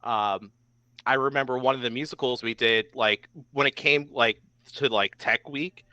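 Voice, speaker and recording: A man's voice: medium pitch, moderate pace, bright, forceful tone, smooth, no room sound. A young man, a podcast guest, reminiscing casually and filling his talk with "like". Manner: reminiscing, lots of "like" fillers. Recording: dry, slightly dull podcast mic.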